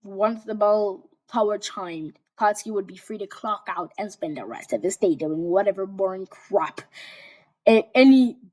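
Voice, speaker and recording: A woman's voice: medium pitch, expressive, normal speed, darkish tone. A young woman casually reading fan fiction aloud, breaking off for chatty, giggly asides. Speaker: fanfic reader.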